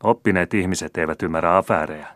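A man's voice: fairly low pitch, no room sound, voice pushed up, natural voice. A man playing a scornful old miser. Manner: contemptuous, grasping, rising to loud scolding. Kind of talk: audiobook character reading.

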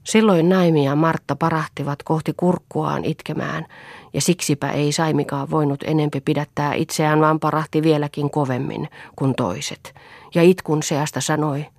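A woman reading an audiobook as a calm storyteller, in scripted narration. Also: low voice, dry recording. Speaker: audiobook reader.

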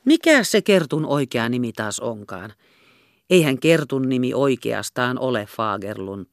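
A woman reading a classic novel aloud in steady, measured audiobook narration. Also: a bass voice, dry recording, clean studio sound. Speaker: audiobook reader. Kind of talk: scripted narration.

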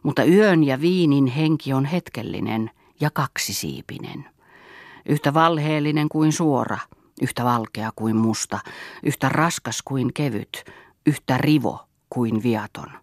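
A man narrating a novel as an audiobook in measured literary tones. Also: medium pitch, no echo, clean studio sound.

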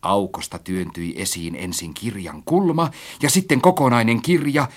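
Man narrating a children's audiobook. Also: fairly low pitch. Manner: expressive reading, acts out his own quoted lines.

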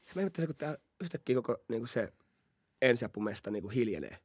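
Animated young man telling a wild story. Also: mid-range voice, no room sound. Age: young adult. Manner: animated, laughing, acts out quotes. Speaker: podcast host. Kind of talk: casual storytelling chat.

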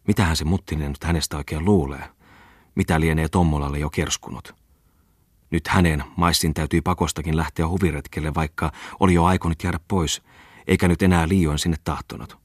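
A man narrating a classic novel as an audiobook in a measured, even way. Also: a bass voice, slightly rough, dry recording, studio quality.

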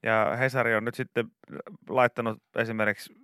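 A young man hosting a morning radio show, chatting casually and telling jokey stories with sudden shouted asides. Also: mid-range voice, clean tone, no echo, clean studio sound. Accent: Finnish. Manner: joking, animated storytelling with sudden shouted asides. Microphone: studio microphone.

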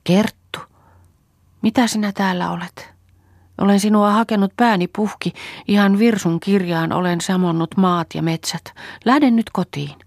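A woman's voice: low-pitched, very animated, slightly rough, no room sound, clean studio sound, voice pushed up, exaggerated voice. A woman reading an audiobook, voicing a frightened young woman who pleads with her sister in a trembling voice. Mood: pleading.

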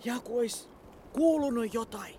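A woman's voice: fairly high pitch, expressive, noisy background, close to an everyday voice. A woman voicing a cautious, sensible young girl in a radio play. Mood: eager.

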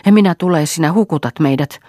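A woman's voice: low voice, gravelly, darkish tone, slightly rough, no echo, studio quality, pitched above the performer's own voice, heavily acted. A woman reading a frightened young peasant wife. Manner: pleading, anxious. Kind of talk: audiobook character reading.

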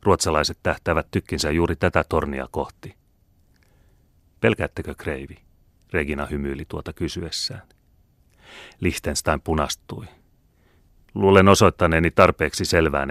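Very deep-voiced male audiobook reader. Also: fairly bright tone, dry recording, clean studio sound. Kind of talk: scripted narration of a classic novel.

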